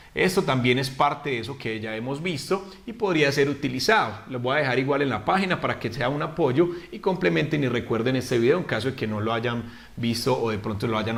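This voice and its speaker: A man teaching an online English grammar lesson, who asks the viewers questions, answers them himself and says the English examples slowly. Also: medium pitch, creaky. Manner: lively, swings between Spanish explanations and slow, drawn-out English examples.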